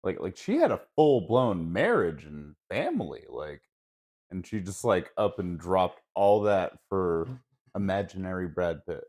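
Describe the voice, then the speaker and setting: A man co-hosting a podcast with a very low voice. He mostly reacts in short, laughing interjections and asks the occasional incredulous question. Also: big pitch swings, a little slow, darkish tone. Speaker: podcast co-host. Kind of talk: casual chat.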